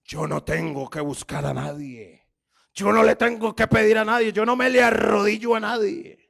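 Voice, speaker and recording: A man's voice: sits high, moderate pace, creaky, a bit bright, exaggerated voice. A man putting on the voice of a proud, stubborn man full of ego, speaking with haughty defiance.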